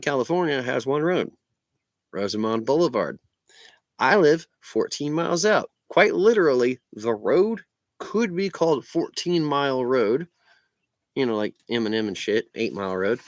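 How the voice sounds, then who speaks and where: A man's voice: medium pitch, fairly bright tone, no echo. An American man, stoned, rambles casually on a livestream in a meandering, slangy stoner manner. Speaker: livestream vlogger.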